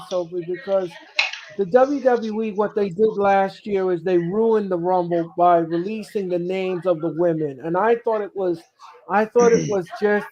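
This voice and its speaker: Halting male co-host, dull lo-fi sound. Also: high-pitched, dark tone. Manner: halting, repeats words and phrases. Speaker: co-host of watch-along. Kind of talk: live wrestling watch-along chat. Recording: dull lo-fi online stream audio.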